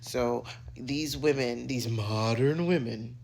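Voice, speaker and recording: With a gravelly bass voice and a darkish tone, this middle-aged American social media commentator rants her opinions to camera. Her delivery is sassy, emphatic and theatrical, full of drawn-out words and dramatic pauses.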